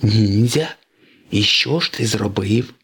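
Сміливий героїчний гоночний автомобіль з казки, якого озвучує чоловік, вигукує високо й енергійно, з хрипкуватою текстурою голосу. Інтонація широка, рішуча, закличе до дії. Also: male voice, extremely high pitch, wildly swooping pitch, unhurried, creaky, voice pushed up, heavily acted. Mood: curious. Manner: rallying, commanding. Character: heroic male race car, brave and bold. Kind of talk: storybook reading.

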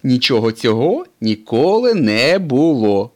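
A man voicing a young male race car who is jumpy and easily alarmed, in a storybook reading, with shrill, panicky yelps. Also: big pitch swings, brisk. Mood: doubtful.

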